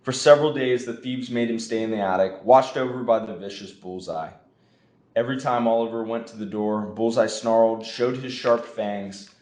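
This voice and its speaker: A young man, a college student, reading a children's storybook aloud with expressive delivery. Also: lowish voice, moderate pace. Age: young adult. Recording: roomy echo.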